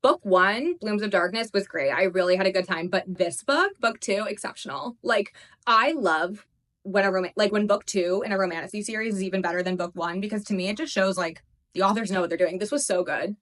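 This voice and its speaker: A young woman in her twenties gushing over books in a casual reading vlog, talking quickly and full of "like" fillers. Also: medium pitch, a bit bright. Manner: gushing, fast, lots of "like" fillers. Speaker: book reviewer. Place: her apartment, indoors.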